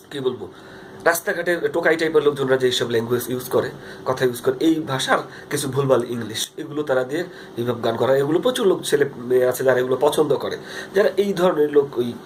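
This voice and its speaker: Speaking Bengali with a Bangladeshi accent, this young man records a casual video diary on his phone's front camera, earnest and prone to fillers and restarts. His voice is medium-pitched and darkish, and a little hiss or hum sits under the recording.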